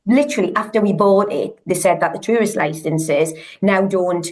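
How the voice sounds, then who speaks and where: A woman's voice: on the low side, moderate pace, darkish tone. A woman in her forties with a Geordie accent, a language teacher talking on a video call in a chatty, rambling way full of restarts and "you know what I mean?". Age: 40s. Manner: chatty, rambling, many restarts and tag questions. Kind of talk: casual video call conversation.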